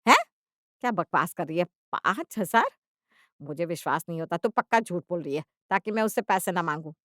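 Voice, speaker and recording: A woman voicing a greedy, scheming older mother-in-law who coaxes sweetly and then bursts out loud, recorded dry. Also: lowish voice, quick pace, no room sound, close to an everyday voice. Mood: dismayed. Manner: sugary coaxing, with sudden loud outbursts.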